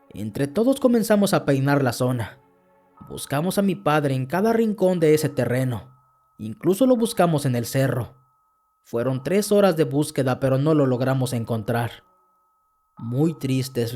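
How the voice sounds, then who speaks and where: A man telling a first-person horror story as a podcast narrator, earnest and steady. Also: on the high side.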